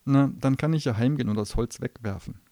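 A man's voice: medium pitch, fast, dark tone, dry recording, pitched above the performer's own voice, natural voice. A man voicing a determined young girl in an audiobook reading, firm and matter-of-fact.

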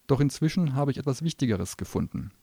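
A man's voice: medium pitch, lively intonation, fast talker, gravelly, warm tone, husky, no echo, pitched above the performer's own voice. A man voicing a determined young girl in an audiobook reading, firm and matter-of-fact.

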